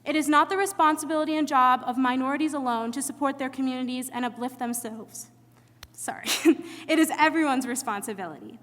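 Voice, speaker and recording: Earnest young woman emcee with a high voice. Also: fairly quick, a bit bright. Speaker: student emcee. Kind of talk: prepared speech and introduction. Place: large hall with audience. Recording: long hall reverb.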